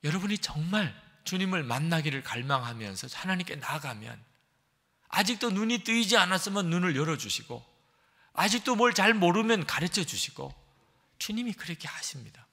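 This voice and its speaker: A man's voice: sits high, sing-song, brisk, sharp tone. A man preaching a sermon as pastor in a church sanctuary, telling stories in an earnest, emphatic way. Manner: earnest, emphatic storytelling with dramatic shifts. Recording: reverberant church hall.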